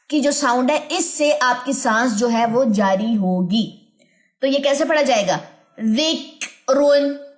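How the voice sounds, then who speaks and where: A woman teaching tajweed online, explaining each point step by step and then slowly sounding out letters and example words. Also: high-pitched.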